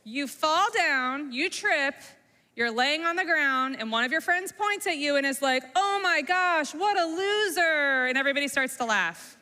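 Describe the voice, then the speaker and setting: A woman with a high, bright voice leads a middle school lesson, pausing often to ask the students questions. Her voice rings out with a long reverb, as in a school hall. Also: lively intonation. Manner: engaging, asks the class questions. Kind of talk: classroom talk to middle schoolers.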